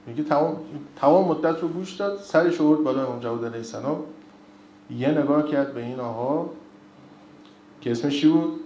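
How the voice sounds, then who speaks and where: A man's voice: on the high side, darkish tone, highs cut off, a little hiss or hum. Roomy-sounding man giving a chatty religious talk. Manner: chatty, joking asides, recites Arabic narrations. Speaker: religious speaker. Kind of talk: informal religious lecture with storytelling. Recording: roomy echo.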